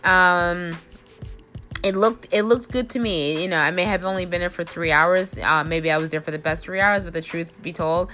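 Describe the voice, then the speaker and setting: A woman recaps an event in a loose, rambling way, full of fillers and restarts. Her voice sits a little low but sounds bright and forceful, and excited outbursts break into her chatter. Faint music plays underneath. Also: moderate pace. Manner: bursts of excitement with animated quoted reactions. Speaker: convention reviewer and interviewer. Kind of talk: casual recap monologue.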